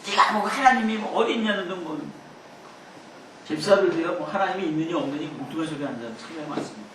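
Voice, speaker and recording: A man's voice: fairly high pitch, expressive, fast, fairly bright tone, a little hiss or hum. A man preaching a Bible teaching sermon, a playful storyteller who jokes and makes puns. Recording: very echoey hall, voice far from mic.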